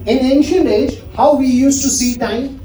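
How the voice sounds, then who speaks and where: A middle-aged Indian presenter with a very high yet mellow voice talks watches with a live audience at a measured pace, soft music in the background. English is his second language, spoken with an Indian accent, and his style is friendly, full of questions for the crowd. The sound is echoey, with him standing well away from the mic.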